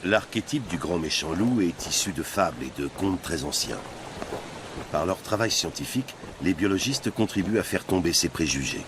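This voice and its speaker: A man's voice: deep voice, animated, normal speed, background noise. A man reading scripted narration for a nature documentary in speech. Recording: music bed under narration. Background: music.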